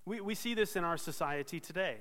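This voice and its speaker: Man, pastor, expository sermon, earnest, slightly high-pitched, long hall reverb. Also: lively intonation, brisk, a bit bright. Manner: earnest expository preaching with self-corrections.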